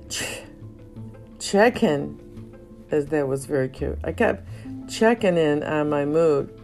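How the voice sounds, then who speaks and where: A woman reading her own memoir aloud, reflective and emotional, lingering over poetic phrases. Soft guitar plays faintly behind her voice. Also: deep voice. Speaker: narrator.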